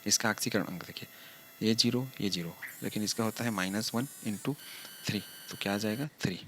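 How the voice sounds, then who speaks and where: Guy teaching chemistry, lowish voice, asks then answers his own questions, bit of hiss. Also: fairly quick, a bit bright. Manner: explains step by step, quizzing with rhetorical questions. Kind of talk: classroom lecture.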